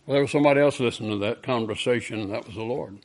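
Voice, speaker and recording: A man preaching a sermon, moving from hushed storytelling to loud, impassioned peaks. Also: medium pitch, very fast.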